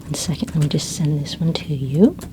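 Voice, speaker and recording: At a normal speed, a woman with a low voice whispers breathily and gently as a friendly librarian eager to help in an ASMR roleplay, unhurried in manner. The background is noisy.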